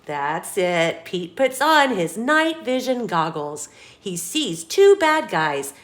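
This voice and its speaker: A woman with a medium-pitched voice takes her time reading a picture book to children as a storytime host. Her delivery is expressive and dramatic, and she keeps asking the little ones questions.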